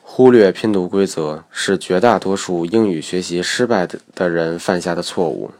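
A man's voice: low-pitched, normal speed, darkish tone. A man teaching English study methods in a methodical, matter-of-fact lecture. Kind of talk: instructional lecture.

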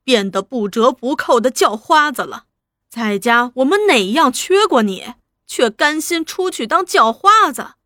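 A woman's voice: sits high, animated, unhurried, sharp tone, no room sound, studio quality, heavily acted. Woman reading as a scolding village mother. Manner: scolding, exasperated. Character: stern rural mother, scolding but soft-hearted.

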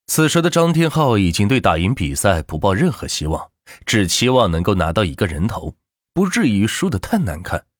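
Lively man narrating an audiobook. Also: on the low side, fairly quick, dry recording, clean studio sound. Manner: animated storytelling with expressive rises and falls.

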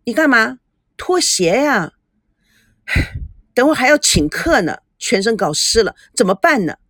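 A woman's voice: fairly high pitch, very animated, unhurried, fairly bright tone, no echo, exaggerated voice. Lady doing a fed-up wry young guy in a story, dry close sound. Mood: exasperated. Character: exasperated young man, wry and indulgent.

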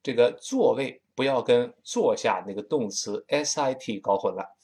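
Brief: man, Tianjin accent, English teacher, animated pitch, drills words slowly. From Tianjin, China. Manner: lively, slows down to drill pronunciation. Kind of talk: spoken English lesson.

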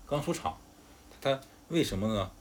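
A man's voice: medium pitch, lively intonation, moderate pace, a little hiss or hum. A father casually retelling a classic tale to his child, chatty and explaining, with fillers and asides. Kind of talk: casual storytelling.

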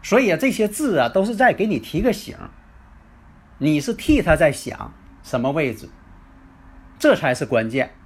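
A man hosts a lesson on Chinese metaphysics with a fairly high-pitched voice. He tells teaching stories slowly, stretching his filler particles as he goes. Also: very animated, slightly rough. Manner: unhurried, full of drawn-out filler particles. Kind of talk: storytelling lecture.

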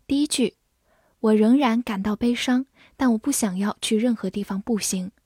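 A woman's voice: fairly high pitch, dark tone, no room sound, studio quality. A young woman teacher leading a vocabulary lesson, saying each English word twice before explaining it. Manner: reads words twice, slow and clear, then glosses.

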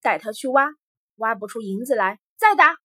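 A man's voice: expressive, moderate pace, husky, full character voice. A woman voicing a greedy, furious old male emperor who bellows his orders, in a storybook tale. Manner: loud, booming and bullying.

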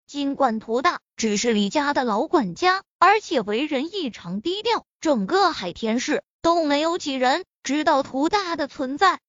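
Expressive woman narrating a novel, high voice. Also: no room sound. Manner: expressive storytelling. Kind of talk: audiobook narration of a web novel. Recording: dry, slightly dull audio.

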